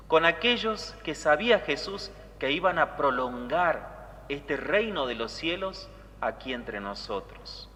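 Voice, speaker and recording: Bright-voiced priest preaching in cathedral echo. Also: male voice, mid-range voice. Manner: conversational preaching, often adds a questioning tag. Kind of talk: homily. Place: large church. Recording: long church reverb.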